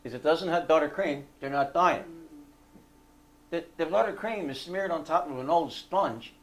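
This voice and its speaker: A man leading a fellowship group, telling a story in a casual, animated way and asking the listeners for agreement. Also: a little high, moderate pace.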